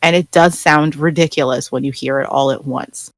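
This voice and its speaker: Podcast panel guest chatting, animated, slips into quoted voices, dry close mic. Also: medium pitch, moderate pace, dry recording. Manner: animated, acts out characters' lines in quotes. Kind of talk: casual chat.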